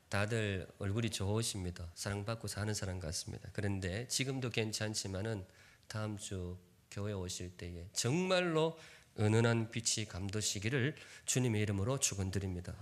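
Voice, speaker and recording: A man's voice: fairly low pitch, slight background noise. A man in his fifties from Gyeongsan, preaching a sermon in Seoul speech with a trace of a Gyeongsang accent, humorous and drawing the congregation in with questions. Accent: Gyeongsang-tinged Seoul Korean. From Gyeongsan, North Gyeongsang, South Korea. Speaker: pastor. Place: church sanctuary.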